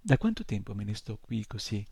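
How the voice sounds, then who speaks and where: A man's voice: on the low side, sing-song, fairly quick, vocal fry, a little mellow, breathy edge, no room sound, heavily acted. A man voicing an old male centaur healer who grumbles impatiently, in an audiobook reading. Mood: gruff.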